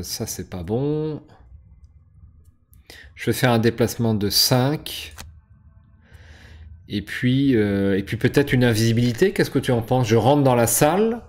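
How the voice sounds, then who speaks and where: A man's voice: mid-range voice, lively intonation, slow pace, pauses often, a little mellow. Hesitant man explaining a board game. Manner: hesitant, many fillers and restarts. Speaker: board game channel host. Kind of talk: casual gameplay explanation.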